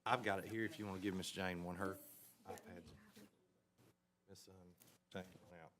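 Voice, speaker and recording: A man's voice: sits low, steady tone, normal speed, fairly bright tone. Folksy man chairing a city meeting. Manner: informal, folksy procedural. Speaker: commission chair.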